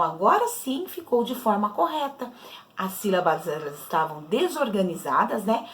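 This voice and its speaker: Woman, Brazilian accent, primary teacher, slow and patient, lively sing-song pitch. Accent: Brazilian Portuguese. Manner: slow, patient, explains syllables step by step to children. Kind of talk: children's literacy lesson.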